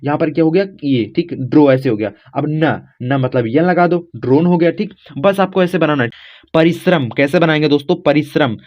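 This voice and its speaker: Guy teaching a lesson, spells it out letter by letter, keeps saying ok, bit high voice, muffled recording. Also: normal speed. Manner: repeats "theek" constantly, spells letters aloud step by step; addresses viewers as friends, informal. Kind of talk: casual classroom explanation. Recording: dull lo-fi recording.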